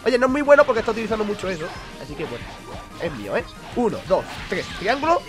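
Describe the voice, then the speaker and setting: A young man from Spain with a Spanish accent, commentating his own online game match in fast, excitable bursts and cursing at his own mistakes. He sounds under the weather, with a cough. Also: sits high, over music. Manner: excitable, swearing at mistakes, counting out combos. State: ill with a cough. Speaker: gaming YouTuber. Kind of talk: live gameplay commentary.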